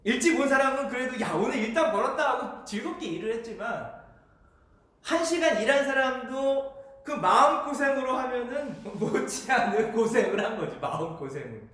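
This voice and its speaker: A man's voice: high voice, fairly bright tone. A man preaching a sermon in a church in a casual, conversational way, often chuckling and inviting the congregation to read along. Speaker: pastor. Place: church sanctuary. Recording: echoey church hall.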